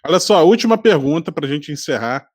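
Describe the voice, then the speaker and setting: A man hosting a casual podcast chat, asking relaxed conversational questions. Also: on the high side, fairly quick, husky, no room sound, studio quality. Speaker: host.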